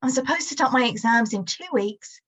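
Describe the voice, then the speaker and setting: A woman author reading her own prose aloud in a measured, quiet first-person narration. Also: fairly high pitch, expressive, low-quality recording.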